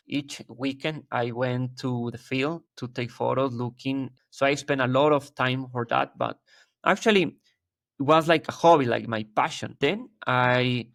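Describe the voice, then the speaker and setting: This Ecuadorian wildlife photographer in his thirties speaks as a guest in a relaxed interview, his accent Ecuadorian Spanish and his mid-range voice fairly bright. The studio sound is clean with no echo; he comes across as earnest, hunting for words and restarting frequently.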